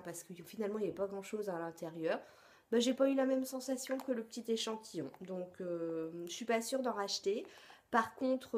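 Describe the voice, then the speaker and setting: A woman reviews her used-up beauty products in a relaxed, chatty vlog. She speaks to her viewers directly, hesitating often and restarting her sentences as she searches for words. Her voice sits at an ordinary middle pitch. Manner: hesitant, frequent filler sounds and restarts. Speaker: beauty vlogger.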